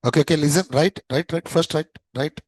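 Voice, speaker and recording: A man's voice: fairly high pitch, steady tone, brisk, no echo, low-quality recording. A man in his thirties with an Indian English accent, lecturing a class in a chatty way and often repeating his phrases. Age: 30s. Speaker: teacher.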